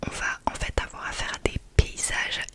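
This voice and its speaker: A woman whispers softly, as if in a library, giving an ASMR book review in a halting, reflective way. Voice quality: soft unvoiced whisper throughout. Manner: hushed, library-style whispering. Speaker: ASMR creator reviewing books.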